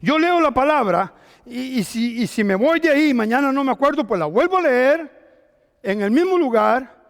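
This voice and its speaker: A male pastor, preaching a lively sermon full of rhetorical questions and jokes. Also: extremely high pitch, normal speed. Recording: reverberant hall.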